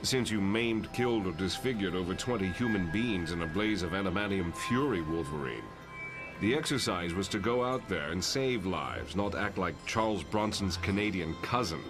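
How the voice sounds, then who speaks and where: A low male voice over clear music. A man acts out a stern, lofty professor from a motion comic, formal and lecturing. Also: expressive, moderate pace. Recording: music behind the voice.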